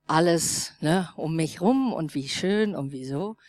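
A low-pitched woman pastor, 30s or older, speaks a little slowly in a dry recording as she preaches. She relates a personal story with lively energy, acting out the conversations, and makes slight non-native grammar errors.

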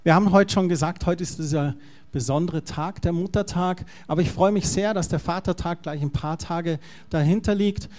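A man's voice: high voice, normal speed, a little mellow. A male pastor giving a conversational, explanatory sermon.

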